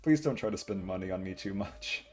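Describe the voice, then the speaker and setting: A man's voice: deep voice, animated, brisk, a little mellow. A young adult man livestreaming, chatting casually and rambling to viewers with occasional acted-out quotes. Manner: rambling, chuckling, acts out short quotes. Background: guitar music.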